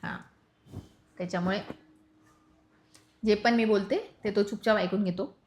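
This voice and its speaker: A young woman from Maharashtra, a vlogger, telling her love story in animated casual chat and teasing her husband. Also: mid-range voice, a little slow. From Maharashtra, India.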